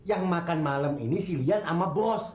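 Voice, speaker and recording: A woman's voice: fairly low pitch, expressive, moderate pace, a little mellow, lightly acted. A woman playing a bossy employer who orders her servants about in a sitcom. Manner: bossy, exclamatory. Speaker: the boss. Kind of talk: sitcom acting. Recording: roomy set with crowd noise.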